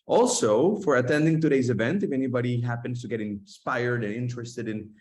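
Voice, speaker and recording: A man's voice: medium pitch, a little fast, darkish tone. A man hosting an online webinar from an office, talking with many fillers and restarts. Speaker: host. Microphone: video call.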